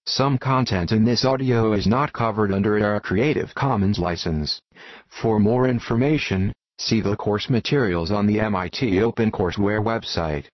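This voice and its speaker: A man reads a scripted announcement in an even, measured voice, a touch lower than average. The recording is dry and close, with a slightly dull, muffled top end. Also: no echo.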